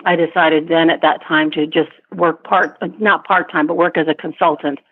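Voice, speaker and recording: A middle-aged woman talks through an interview, pausing and restarting as she gathers her thoughts. Her voice is a little husky, and it comes through a narrow, tinny phone line. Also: sits low, fairly even intonation. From born in Vietnam, raised in Asia and Africa. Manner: thoughtful, with frequent restarts and light laughs. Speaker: interview guest.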